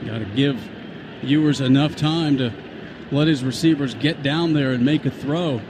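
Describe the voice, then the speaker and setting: A man's voice: mid-range voice, moderate pace. A man giving conversational color commentary on a live radio football broadcast. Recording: noisy live outdoor stadium broadcast.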